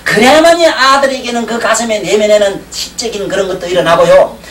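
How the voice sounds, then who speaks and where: A man's voice: high-pitched, fairly quick, a bit bright. A man giving a classroom lecture on Chinese classics, rambling and joking and often checking in with his class. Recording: roomy 1990s lecture tape, distant mic, faint hiss.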